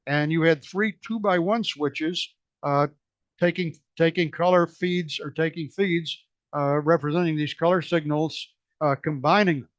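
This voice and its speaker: In a meeting room, a man with a slightly high, hoarse voice walks a museum society through technical slides, halting constantly with fillers and restarts. The recording is dry and somewhat dull, without any room echo.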